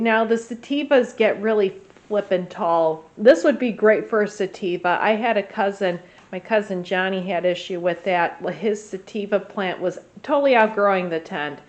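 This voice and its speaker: A woman's voice: mid-range voice, dull audio. A woman, congested and rambling in a casual gardening vlog, full of fillers and restarts. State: congested, clearing her throat. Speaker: gardening vlogger. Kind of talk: casual chat.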